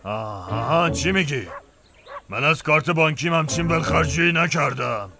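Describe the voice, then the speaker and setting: An actor dubbing a calm village man in a TV drama. He talks curtly on the phone. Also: a little high, creaky. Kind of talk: dubbed TV drama.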